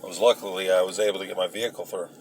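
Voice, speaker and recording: A man casually rambling through old memories, halting and hesitant as he searches for details. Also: low-pitched, steady tone, darkish tone. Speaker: vlogger recounting memories. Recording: noisy, with vehicle and ambient sound.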